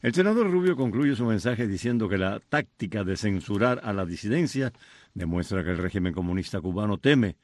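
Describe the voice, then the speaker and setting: A man reading scripted news in a measured, formal delivery. His voice sits low, and the studio sound is dry and close. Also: animated, dry recording. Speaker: news anchor.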